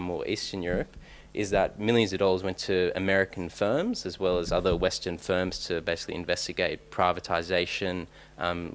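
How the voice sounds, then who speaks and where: A young man with an Australian accent presents research at a conference. His voice sits very low, and he pauses often with ums and false starts. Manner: hesitant, many ums and restarts. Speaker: conference speaker.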